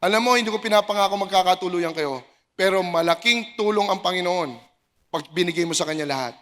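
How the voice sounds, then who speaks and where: A middle-aged man preaching a sermon as a pastor, animated, mixing languages and acting out people he quotes in a raised voice. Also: sits high, fast. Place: church service in a basketball gym.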